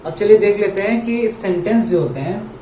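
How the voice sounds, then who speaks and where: Male Hindi-speaking grammar teacher, Indian English accent, dark tone, quizzes the class, roomy echo. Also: sits high, normal speed. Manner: repeats key words and asks the class questions. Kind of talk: explaining grammar at a board in Hindi. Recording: roomy, mic far off, faint hum.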